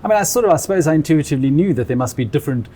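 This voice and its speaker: A man interviewing a guest, asking musing, hedged questions in a relaxed conversational way. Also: on the high side, racing.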